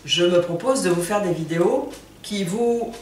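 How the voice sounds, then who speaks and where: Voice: mid-range voice, lively intonation, moderate pace, a little mellow, slight background noise. An Atchan speaker from Ivory Coast, patiently teaching a language lesson word by word. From Ivory Coast, Atchan people. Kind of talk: slow spoken language lesson. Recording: roomy, distant mic, faint ambience.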